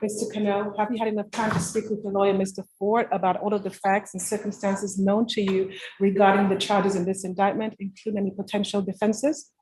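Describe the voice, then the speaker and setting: A woman's voice: medium pitch, little pitch movement, a little fast, hardly any pauses, a little mellow, slight background noise, low-quality recording. A woman acting as court clerk, reading formal questions and oaths to defendants in a plea hearing.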